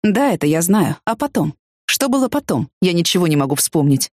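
A woman voicing a calm, seriously ill young man who speaks quietly and matter-of-factly, staying close to her own low reading voice. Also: no echo. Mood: sleepy teasing. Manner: quiet, matter-of-fact, unhurried.

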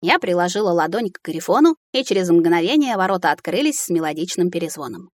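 A woman narrating a first-person fantasy audiobook in a lively reading voice. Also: on the low side, fast, no room sound, clean studio sound.

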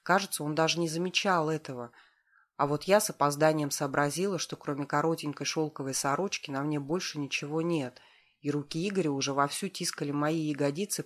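A woman reading a first-person novel aloud as an audiobook, with a wry, stubborn tone. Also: low voice. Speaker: audiobook narrator.

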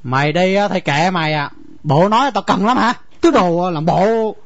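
A man's voice: sits high, fairly bright tone, no echo. Man doing a stammering young village husband. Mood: pleading. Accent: Southern Vietnamese. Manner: stammering, halting. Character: young village husband, stubborn but pleading. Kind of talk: radio drama acting. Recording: dull dry lo-fi recording, faint music.

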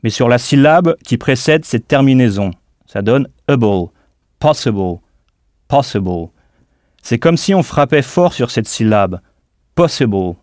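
A man's voice: medium pitch, expressive, darkish tone, no room sound, clean studio sound. A man teaching a scripted audio language lesson, carefully modelling pronunciation and spelling words out letter by letter. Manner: models pronunciation slowly and deliberately.

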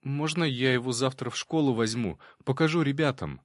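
A man's voice: medium pitch, fairly quick, no echo, clean studio sound, voice pushed up, lightly acted. A man voicing a shy young village boy in a storybook reading, timid at first and plain-spoken. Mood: childlike. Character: shy village boy, carefree once bold.

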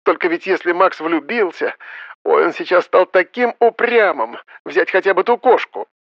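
A man's voice: normal speed, creaky, no room sound, lo-fi sound. A man reading an audiobook, voicing a fretful, snobbish middle-aged mother who wails and pleads. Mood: wailing. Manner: wailing, pleading, high-pitched.

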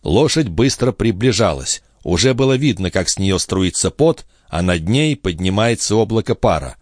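A man narrating a classic novel as an audiobook, in a measured, expressive way. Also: fairly low pitch, dry recording, studio quality.

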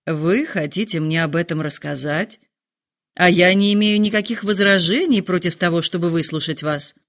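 A woman voicing a calm, dryly ironic middle-aged husband in a storybook reading. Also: on the low side, normal speed, close to an everyday voice. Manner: dry, calm, mildly ironic.

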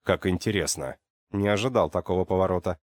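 A man's voice: low voice, a little fast, a little mellow, no room sound, clean studio sound, natural voice. A man voicing a spoiled, domineering rich man who speaks in curt commands. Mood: cold.

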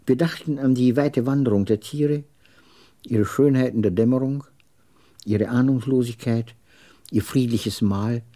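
A man narrating a literary radio story in a measured, reflective way. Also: mid-range voice, warm tone.

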